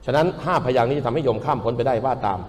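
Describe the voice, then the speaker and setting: Thai monk's joking sermon in a reverberant hall. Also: male voice, mid-range voice, very fast, crowd noise, background noise. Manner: joking, storytelling, call-and-response with the audience. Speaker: Buddhist monk giving a dharma talk. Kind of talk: humorous sermon to a live audience.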